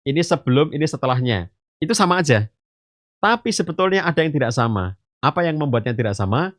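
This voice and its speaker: A man's voice: a little high, big pitch swings, fast talker, fairly bright tone, dry recording. Dry-voiced man explaining with homely analogies. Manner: addresses listeners as ayah bunda; frequent filler gitu and eh. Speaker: Islamic teacher. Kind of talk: podcast parenting talk. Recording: dry, slightly muffled.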